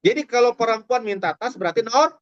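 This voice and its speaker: A man's voice: extremely high pitch, quick pace, fairly bright tone, dry recording. A man preaching a humorous, chatty sermon, speaking straight to the audience. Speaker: Islamic preacher. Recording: dull, dry lo-fi recording.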